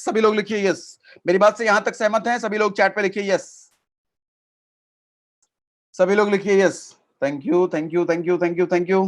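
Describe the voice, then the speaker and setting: Brief: high-pitched male trainer on a video call, lively coaching, keeps asking the chat to reply. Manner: energetic, repetitive coaching, asks the chat for replies. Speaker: network marketing trainer. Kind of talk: live online training session.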